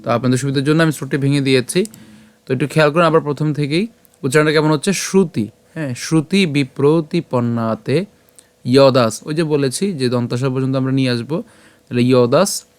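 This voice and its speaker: Male teacher, patient syllable-by-syllable recitation lesson, mid-pitched voice, dry close sound. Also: fairly even intonation, clean tone, no room sound. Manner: patient, breaks words into syllables slowly. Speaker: scripture pronunciation teacher.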